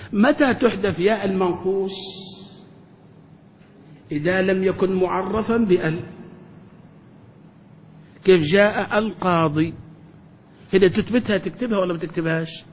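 High-voiced man teaching grammar in a hall. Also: breathy edge. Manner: quizzes the class with repeated questions, drawn-out example phrases. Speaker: sheikh teaching Arabic grammar. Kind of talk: classroom grammar lesson. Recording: reverberant hall with faint rumble.

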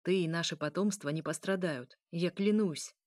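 Brief: quiet, restrained male vampire lover, read by a woman, close and dry. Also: lowish voice, moderate pace, no room sound, close to an everyday voice. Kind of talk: audiobook character reading.

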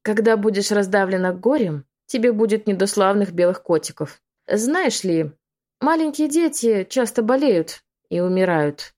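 A woman's voice: medium pitch, expressive, moderate pace, a little mellow, natural voice. A woman voicing a haughty, scheming young witch who drawls scornful threats in a storybook reading.

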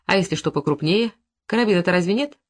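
A reader voicing a brisk male investigator in an audiobook, questioning with dry, mildly mocking persistence. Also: mid-range voice, natural voice. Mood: probing.

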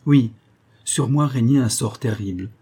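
Male reader voicing a frightened young woman, tender, pleading, dark husky timbre. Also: medium pitch, a little slow.

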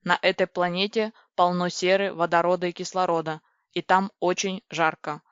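A woman's voice: lowish voice, little pitch movement, moderate pace, clear, resonant tone, no echo, close to an everyday voice. A woman reading a storybook voices a male ship computer that is curt, dry and grumbling. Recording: dry, dull lo-fi recording.

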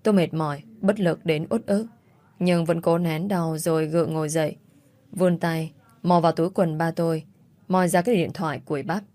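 A woman narrating a first-person story in a steady, measured audiobook style. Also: on the low side, no room sound.

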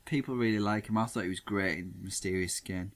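A man with a fairly low voice co-hosts a casual chat. He jokes dryly and keeps the segments moving. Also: fairly even intonation, fairly quick. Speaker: podcast co-host.

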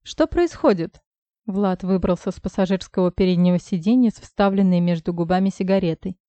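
A woman narrating a first-person story in an even, steady storytelling voice, in a dry, slightly dull recording. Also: lowish voice, quick pace, no room sound. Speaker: audiobook narrator.

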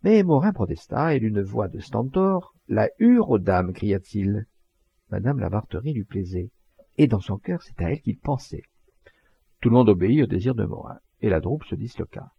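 Expressive male novel reader; gravelly and animated, dry lo-fi sound. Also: on the low side, moderate pace, dry recording. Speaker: audiobook reader. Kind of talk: scripted narration. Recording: dull lo-fi dry recording.

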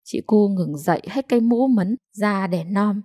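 A woman narrating a short story in a calm, measured storytelling voice. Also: medium pitch, no room sound, clean studio sound. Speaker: audiobook narrator.

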